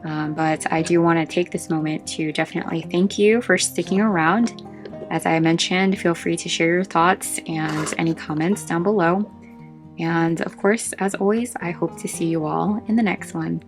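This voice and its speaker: A woman's voice: fairly low pitch, steady tone, moderate pace, faint music behind. A woman chatting casually and informally as a vlog host, short of breath, meandering through asides as she shows off a craft collection.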